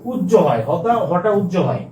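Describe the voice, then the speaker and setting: Roomy, high-voiced male Bangla teacher. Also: very animated, a little slow, darkish tone. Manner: repeats words, drills students, recites romantic verse. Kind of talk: online class lecture. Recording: roomy distant mic with faint noise.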